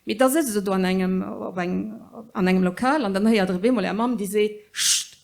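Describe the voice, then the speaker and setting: A middle-aged woman debating on a political panel. She talks in a steady mid-range voice, earnest and a little halting, with plenty of fillers as she searches for words. Her tone stays serious and engaged. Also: medium pitch, gravelly. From Luxembourg.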